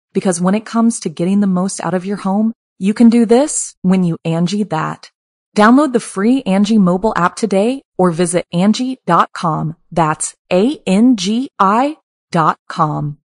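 A woman's voice: mid-range voice, dry recording, clean studio sound. Woman reading a polished ad. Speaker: ad announcer. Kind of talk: read advertisement.

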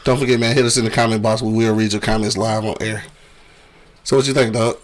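A man's voice: lowish voice, flat delivery, fast talker. A man hosting a casual radio show, bantering loosely with profane trash talk.

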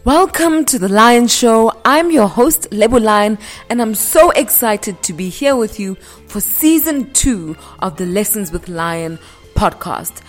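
A woman in her late twenties hosts her own podcast alone at a studio mic, talking casually in an upbeat, chatty way with self-deprecating humor. Her mid-range voice has lively intonation and an unhurried pace, with an echoey room and faint music in the background.

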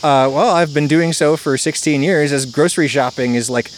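A man's voice: fairly high pitch, normal speed. A man hosting a casual podcast from a backyard, talking in a wry, conversational way with cicadas and frogs behind him. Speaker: podcast host. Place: outdoors in a backyard at home. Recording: outdoor recording with clear insect noise. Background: loud chorus of cicadas, some frogs.

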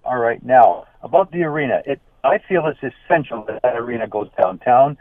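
A man's voice: mid-range voice, lively intonation, no echo. Male radio caller, hesitant, on a choppy, dropping phone line with a thin, tinny sound. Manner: halting, hesitant. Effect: phone line breaking up. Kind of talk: call-in to radio talk show.

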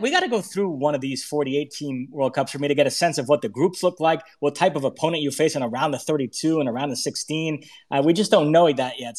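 Male panelist, brisk analytical talker on a sports podcast. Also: on the high side, a little mellow. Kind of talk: casual sports talk on a live audio chat.

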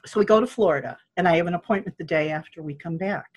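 An older woman telling a personal story in a casual, animated way, acting out quoted voices and laughing often. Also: fairly low pitch, fast. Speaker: guest telling her birth story.

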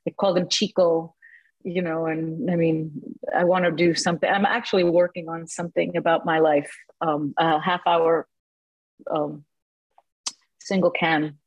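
A husky woman in her early sixties chats as an interview guest. She tells her stories in an animated way, laughs often and fills her talk with "you know" and "um". She sounds close and dry, with no room around her. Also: sits low, measured pace, dry recording, dull audio. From born in Cuba, raised in New Jersey. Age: 60s. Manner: animated storyteller, laughs often, many fillers. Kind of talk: casual interview chat.

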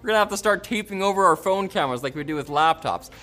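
Sarcastic animated male tech news host. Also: sits high, fast, faint music behind. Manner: sarcastic, jokey, animated delivery.

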